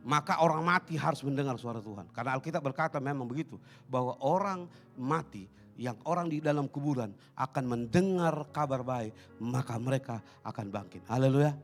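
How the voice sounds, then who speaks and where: A man preaching a sermon as pastor, swinging between loud declarations and hushed asides. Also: mid-range voice, a little fast, faint music behind. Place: church sanctuary.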